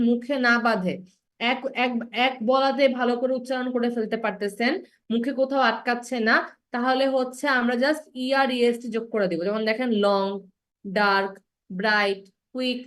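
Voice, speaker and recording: A young woman teaching an English grammar class online, patiently explaining and slowing down to spell out example words. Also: fairly high pitch.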